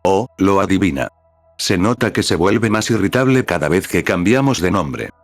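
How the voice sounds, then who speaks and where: Sarcastic young woman read by a guy, low voice, dry sound. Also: animated, moderate pace, no echo, faint music behind. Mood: sardonic. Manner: sardonic.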